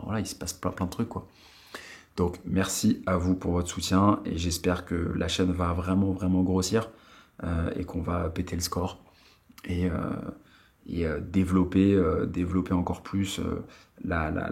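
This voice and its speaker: This watch channel host, a man from France in his late thirties, talks casually to viewers from a countryside attic. His voice is low and a little mellow with vocal fry, and his chat rambles along with many fillers and restarts.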